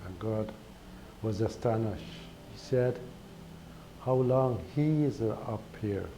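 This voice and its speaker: A Guyanese man with a lowish, mellow voice shares a spiritual testimony as a monologue. He speaks slowly and haltingly, repeating words and pausing often, and the recording is noisy with clear background sound.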